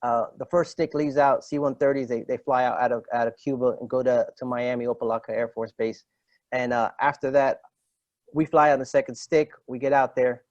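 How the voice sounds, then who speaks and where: This podcast guest, a retired Marine master gunnery sergeant in his fifties, speaks a little fast in a mid-range, darkish voice with little pitch movement. Telling stories casually in an interview, he acts out quoted dialogue and uses many fillers and restarts. The sound is lo-fi with no room sound.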